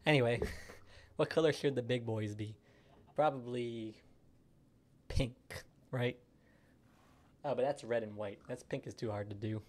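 A man gives casual gaming commentary on a live stream, chatty and thinking aloud as he plays. His voice sits at an everyday pitch for a man. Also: measured pace.

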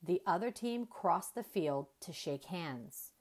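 Woman, children's read-aloud narrator, lowish voice, very lively intonation, slow deliberate delivery. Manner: deliberate, animated storytelling with emphasized dialogue. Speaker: children's storybook reader.

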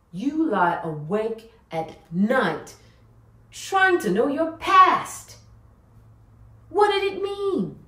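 A woman performing a prophetic fortune teller in a stage monologue, swinging from hushed to shouted. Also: high-pitched, roomy sound, recorded from a distance, exaggerated voice. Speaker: student actor performing a monologue.

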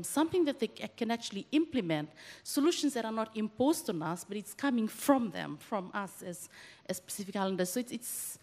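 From among the audience in a large semi-open hall, a Fijian woman who lectures at a university takes the handheld mic to speak earnestly at a workshop, frequently starting over. Her slightly mellow voice leans high, wrapped in long hall reverb.

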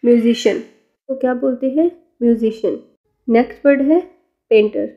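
A woman's voice: on the high side, moderate pace, dull audio. A woman teacher giving a vocabulary lesson, drilling students with patient questions and answers.

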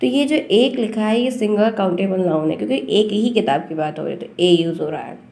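Gravelly-voiced woman teaching a slow lesson. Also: mid-range voice, mellow. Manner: speaks slowly and deliberately, spelling out examples. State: dry cough, short of breath. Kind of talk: online grammar lesson.

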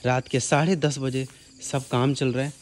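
A man's voice: medium pitch, flat delivery, normal speed. A young man, vlogging casually to camera and teasing his siblings. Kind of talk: casual vlog narration.

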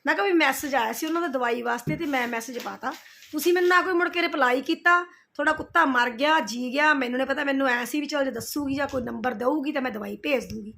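A woman's voice: sits high, fast, creaky, bright, forceful tone. A middle-aged woman, ranting straight at the camera, scolding and confrontational, repeating her points. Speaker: vlogger replying to roasters. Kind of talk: heated direct-to-camera rant.

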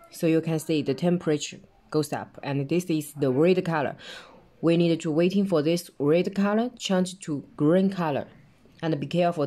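A man giving a hands-on tutorial, explaining each step in halting, simple phrasing as he demonstrates a device. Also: on the high side, warm tone. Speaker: product demonstrator.

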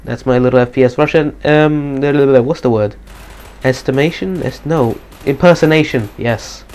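A man giving casual live gameplay commentary, slightly depressed and monotone, swearing casually. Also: medium pitch, normal speed. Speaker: gaming commentator.

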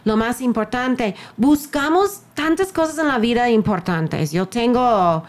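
This older woman is a pastor talking in a relaxed podcast conversation. Her voice sits somewhat high. She tells her stories in a chatty way and acts out the quoted lines with playful squeaks. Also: measured pace. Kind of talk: casual podcast chat.

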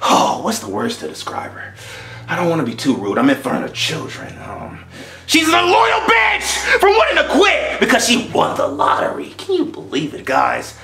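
A man's voice: medium pitch, animated, normal speed, creaky, reverberant, noisy background. A man voicing a goofy new teacher who rambles tactlessly to his class. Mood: rambling.

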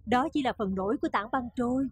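An actress in a Vietnamese TV drama, shrieking for help in panic in some scenes and talking calmly in others. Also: female voice, fairly high pitch, quick pace, husky, dry recording. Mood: reassuring.

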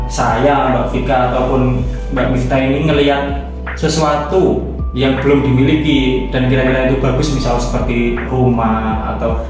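A young man hosting a casual book discussion, explaining at length with many fillers. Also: mid-range voice. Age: young adult. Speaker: discussion host. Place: small studio at a table. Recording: roomy echo from far off, music behind.

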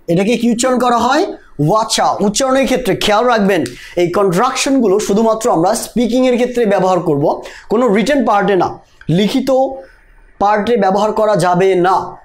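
A teacher giving a live online spoken-English lesson. The teacher keeps quizzing the class and repeats each example slowly. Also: medium pitch.

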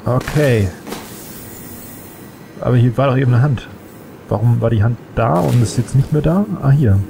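Playing a game with a cold, a man offers relaxed commentary and thinks aloud in the style of a let's play. His medium-pitched voice moves at a moderate pace with vocal fry, over background noise.

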